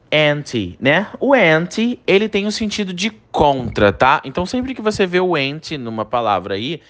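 A man teaching an English lesson online, a native Portuguese speaker, lively and drilling each English word slowly for the learner to repeat. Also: fairly high pitch.

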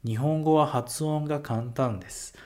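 A man teaching an online language lesson. He checks in often with quick tag questions and repeats example phrases slowly. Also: fairly high pitch, darkish tone. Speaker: Japanese teacher.

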